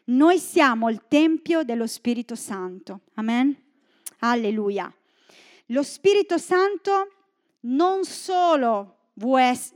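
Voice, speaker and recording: A woman from northern Italy preaching a sermon in a church, reading scripture and joking with the congregation. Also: high voice. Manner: lively, joking asides to the congregation.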